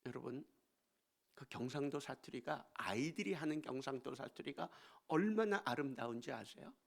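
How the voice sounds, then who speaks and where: A male pastor gives a storytelling sermon in a church, his voice gravelly with a rough, creaky edge. He sits at a middle pitch and moves between quiet, confiding asides and sudden emphatic lifts. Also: expressive, normal speed. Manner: storytelling, swinging from hushed asides to emphatic exclamations. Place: church sanctuary.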